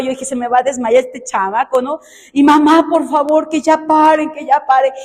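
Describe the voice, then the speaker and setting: A woman preaching a sermon with fervour, dropping soft and then rising to shouts. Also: sits high. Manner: fervent, swings from soft to shouted emphasis. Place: large church hall. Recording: echoey church hall.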